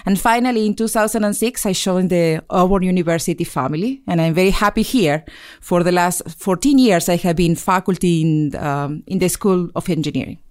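A woman in her forties from Argentina, speaking, giving measured interview answers as a professor with hesitant fillers. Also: lowish voice, a little mellow, dry recording, studio quality. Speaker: engineering professor, guest.

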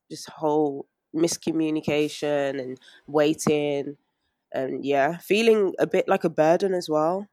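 A woman, an interview guest talking anxiously in a halting way with many fillers and restarts. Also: deep voice, a little mellow, no room sound, studio quality. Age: 20s. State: anxious and strained. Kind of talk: emotional interview.

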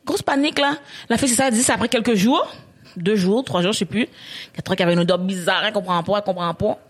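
A woman with a Québécois accent, hosting a podcast and telling a story in casual chat, animated and laughing often. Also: medium pitch, very fast, breathy edge. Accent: Québécois French. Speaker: podcast host.

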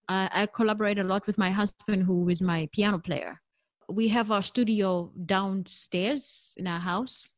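Heard in a mid-range voice with no room sound, a middle-aged South African woman talks about her life as a jazz singer in a conversational interview. English isn't her first language, and she comes across as thoughtful and candid, laughing readily.

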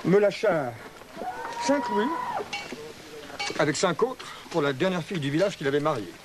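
A gossipy, irreverent storyteller in a period drama , played by a male actor, spins a mischievous yarn. His voice is on the high side. The clip is plainly noisy, with clicks. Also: expressive, moderate pace, close to an everyday voice. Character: gossipy irreverent male storyteller, bawdy and mocking about monks.

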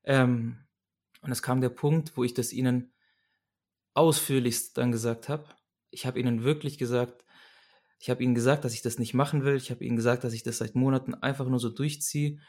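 A man's voice: mid-range voice, steady tone, moderate pace, a little mellow. Earnest young man telling a personal story. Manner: earnest, searching, frequent restarts and repetitions. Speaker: guest.

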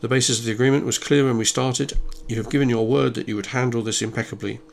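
A man voicing a well-educated businessman who speaks in a formal, clipped, quick way. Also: medium pitch, steady tone, gravelly, a little hiss or hum, close to an everyday voice. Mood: coldly firm. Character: polished, well-educated businessman, cold and firm.

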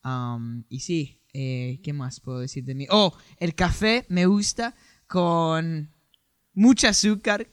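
Male co-host, slightly raised voice, halting casual chat with fillers, dry close sound. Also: a little high, smooth, no room sound. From born in Puerto Rico, Chilean parents. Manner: hesitant, many fillers, laughs easily. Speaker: podcast co-host.

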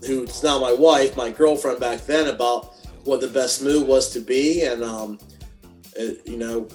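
A man's voice: medium pitch, steady tone, a little slow, soft background music. A man from western Pennsylvania, a wedding videographer, telling stories with dry, self-deprecating humor in a casual interview. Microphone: video call.

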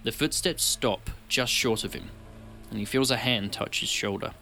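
A man narrating a tabletop fantasy game in steady, descriptive storytelling. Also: lowish voice, normal speed, vocal fry, soft background music.

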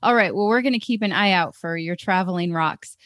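A woman hosting an interview, encouraging and upbeat, quick to praise her guest. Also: lowish voice, a bit bright, no echo, clean studio sound. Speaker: interviewer host. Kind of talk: friendly interview chat.

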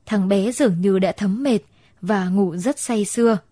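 A woman narrating a short story in a gentle, even storytelling manner. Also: mid-range voice, measured pace, no room sound, clean studio sound.

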